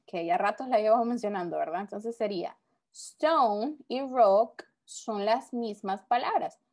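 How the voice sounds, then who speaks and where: A woman's voice: mid-range voice, creaky, darkish tone. A woman teaching a recorded English vocabulary lesson, explaining each word patiently and repeating it.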